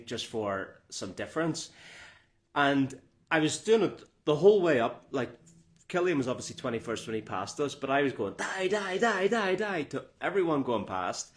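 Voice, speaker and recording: Male co-host, lively storyteller, jokey banter, mid-range voice. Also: medium pitch. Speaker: podcast co-host. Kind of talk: casual banter.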